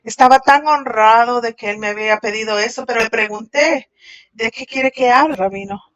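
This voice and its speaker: A woman voicing a Shabbat message in translation, halting at times and restarting. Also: on the high side, a bit bright. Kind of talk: translated sermon voice-over. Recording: dull lo-fi audio.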